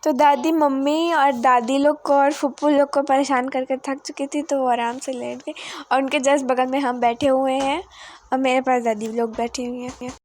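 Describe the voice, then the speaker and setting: A woman's voice: high voice, level tone, normal speed, darkish tone. A young woman narrating a casual family vlog outdoors in a village, chatty and rambling, mixing English words into her storytelling. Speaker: vlogger.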